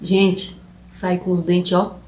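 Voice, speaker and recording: Female vlogger, lively storyteller who talks straight to viewers, in a roomy space. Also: lowish voice, takes it slowly, a little hiss or hum. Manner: animated, addresses viewers as "gente", acts out quoted voices. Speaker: vlogger telling her life story.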